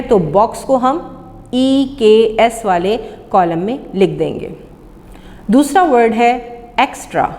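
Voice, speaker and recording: A woman with a Pakistani accent, teaching an English lesson and slowly sounding out each word. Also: mid-range voice, darkish tone, long reverb tail. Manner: slow, deliberate sounding-out of words. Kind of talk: classroom lesson on pronunciation.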